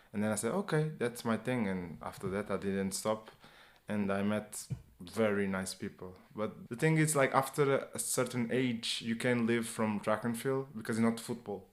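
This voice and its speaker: A lively young man from Portugal talks in a casual interview, and his English carries a strong Portuguese accent. His voice sits a little low, and his talk keeps running on with "you know" and quick restarts. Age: 20s. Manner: animated, talkative non-native English with repeated "you know". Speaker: guest, personal trainer and former sprinter. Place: indoors, interview in England.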